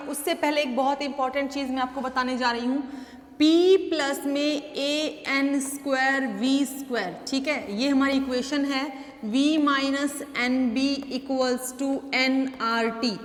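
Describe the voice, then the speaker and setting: A woman teaching chemistry, mixing Hindi with English terms. She calls the students "beta", checks in with "thik hai", and slows down for English definitions. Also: high voice, steady tone. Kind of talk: classroom lecture, Hindi mixed with English terms. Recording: roomy echo with long reverb.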